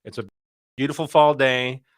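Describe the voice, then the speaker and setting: A man's voice: mid-range voice, level tone, normal speed, no echo. A man in his forties from South Carolina, a podcast guest telling stories in casual chat. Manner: chatty, storytelling with acted-out quotes.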